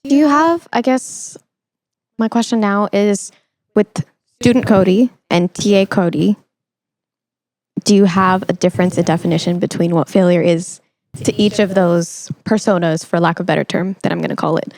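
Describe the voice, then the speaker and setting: A young woman hosts a podcast interview, conversational and reflective, thinking aloud as she forms her questions. Her voice is medium-pitched and darkish, at a normal speed, in a dry recording.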